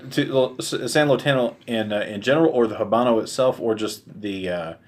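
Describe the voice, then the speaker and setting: Male podcast co-host, chatty and questioning, quick to correct details. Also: lowish voice. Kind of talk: casual chat.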